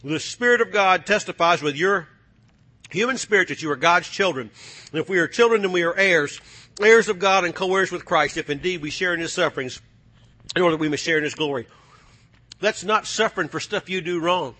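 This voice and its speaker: Male preacher, sermon, high bright voice, fiery, shouts then drops low. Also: a little fast. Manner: calls out to the congregation.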